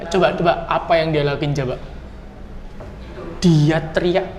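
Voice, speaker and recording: A man hosting a podcast, telling stories in an animated, repetitive way. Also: fairly high pitch, a little slow. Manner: animated storyteller, repeats words. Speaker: podcast host. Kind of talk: casual chat. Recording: echoey room with light noise.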